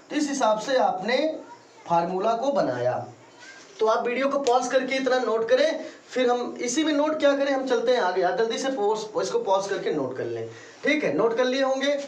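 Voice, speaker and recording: A man's voice: high-pitched, slight background noise. A male chemistry teacher gives a classroom lecture, calls his students "beta" and repeats key terms in call-and-answer. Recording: roomy echo, voice from a distance, faint ambience.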